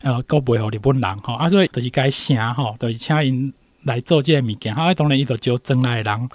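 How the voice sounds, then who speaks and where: A university professor appearing as a guest commentator, this man has a medium-pitched voice and talks fast on a dry recording. With a Taiwanese accent, he retells and explains a story informally, often ending phrases with tag particles.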